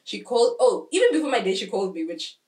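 A woman's voice: a little high, sing-song, fast, darkish tone. A young woman co-hosting a podcast, telling a dating story in slangy casual chat and laughing often. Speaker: podcast co-host. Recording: roomy, distant mic, faint noise.

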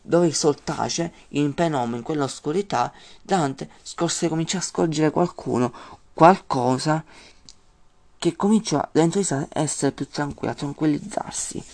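Uomo che spiega con calma, tra pause e ripartenze. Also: male voice, a little high, gravelly. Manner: explanatory, stops and restarts words often. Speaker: teacher explaining Dante. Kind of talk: informal lesson.

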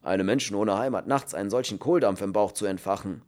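A man's voice: on the low side, fast, darkish tone, lightly acted. A man voicing a hungry, grumpy male prisoner who bellows and curses. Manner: bellowing, cursing.

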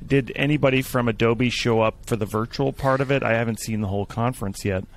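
A man's voice: mid-range voice, fairly even intonation, quick pace. A man in casual tech discussion, rambling with fillers and restarts and a dry sarcastic streak.

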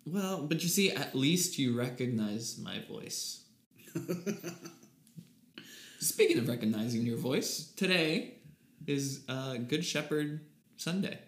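Man, podcast co-host, rambling, playful, mid-pitched voice, echoey room. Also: expressive, slow pace, long pauses. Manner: playful, rambling, breaks into laughs. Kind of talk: casual religious chat.

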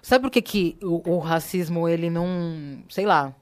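A woman's voice: lowish voice, a little slow. A woman, co-hosting a podcast in casual, slangy chat and often checking that others follow. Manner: slangy, emphatic, frequent "entendeu?". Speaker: podcast co-host.

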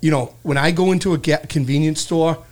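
A man hosting a casual chat, fast and rambling. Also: fairly high pitch, fairly even intonation, a little mellow, slight background noise. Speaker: host.

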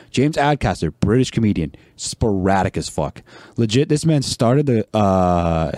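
A man's voice: on the low side, darkish tone, no echo. A man guest on a podcast, chatting casually and bluntly, rambling with frequent laughs. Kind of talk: casual chat.

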